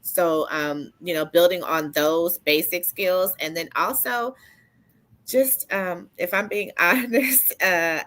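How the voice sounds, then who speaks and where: A woman's voice: fairly low pitch, slow pace, fairly bright tone. A middle-aged woman speaking as a panel guest in a casual discussion, earnest and chatty, often laughing lightly between points.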